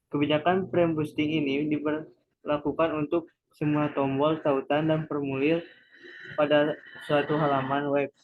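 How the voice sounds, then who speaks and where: A man's voice: a little high, lo-fi sound, slight background noise. A man reading a class presentation on computer security aloud, stumbling and restarting often as he reads from notes. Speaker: student presenter.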